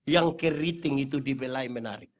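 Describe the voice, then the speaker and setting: A man's voice: mid-range voice, normal speed. A male pastor with an eastern Indonesian accent, preaching a humorous sermon full of stories, acting out voices and calling out to the congregation. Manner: jokey, acts out voices in anecdotes, calls out to the crowd.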